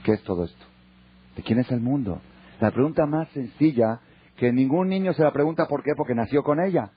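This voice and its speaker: A man with a Mexican accent, a rabbi teaching a Torah class in a lively storytelling way. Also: medium pitch, a little fast, slight background noise. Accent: Mexican Spanish. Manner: lively, acts out dialogue. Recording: dull lo-fi recording.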